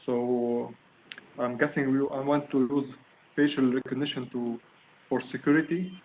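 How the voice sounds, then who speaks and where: A student from Lebanon presents a project over a video call, speaking haltingly, searching for words and using many fillers. His mid-range voice has fairly even intonation, carried by tinny, phone-like audio with faint noise.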